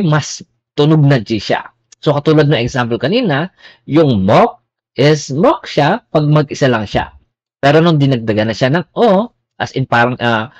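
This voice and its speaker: A man's voice: fairly high pitch, no echo, highs cut off. A man teaching a pronunciation lesson in a casual, explanatory way, checking in with "okay" after each point. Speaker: language teacher.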